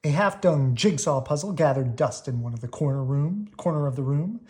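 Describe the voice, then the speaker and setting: With a medium-pitched voice, a reader gives a lively storybook reading for children, stretching out important words to stress them.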